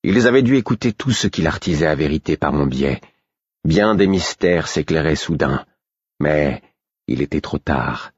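A man with a very deep, husky voice reading a first-person fantasy novel aloud in a measured, steady way. The recording is dry and close, with a slightly dull, muffled tone. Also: dry recording. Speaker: audiobook narrator.

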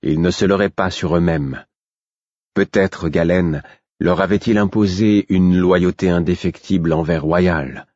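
A man reading a fantasy novel aloud in the first person, steady and restrained, in a slightly dull recording. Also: deep voice, unhurried. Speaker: audiobook narrator. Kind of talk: scripted narration of a fantasy novel.

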